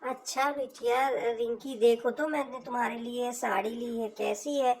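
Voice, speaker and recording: Gentle middle-aged mother, played by a woman; slow, soothing, mildly scolding, slightly high voice. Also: fairly even intonation, husky, poor audio. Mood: kindly. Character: gentle middle-aged mother, defends her daughter-in-law. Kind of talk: homemade family drama skit.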